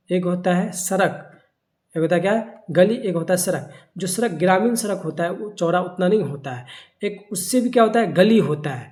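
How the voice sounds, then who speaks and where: A grammar teacher, giving a lecture in which they keep asking rhetorical questions, answering them and repeating key terms slowly. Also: medium pitch. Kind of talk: classroom-style grammar lecture.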